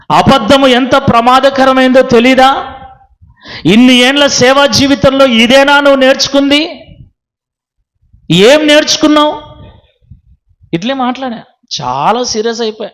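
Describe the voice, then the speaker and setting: A male pastor preaching a sermon with a Telugu accent, firing sharp rhetorical questions at his listeners. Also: very high voice.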